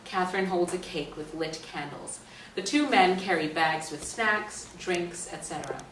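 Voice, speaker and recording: A woman narrates stage directions in a scripted reading in a fairly low, slightly bright voice, animated and at normal speed. The recording is distant and roomy, with faint noise around her.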